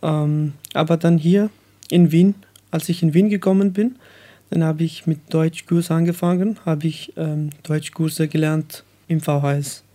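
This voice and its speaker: A nineteen-year-old man from Afghanistan, a radio guest, speaking slowly and searching for words with many fillers. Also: fairly high pitch, fairly even intonation, mellow. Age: young adult. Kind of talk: radio interview.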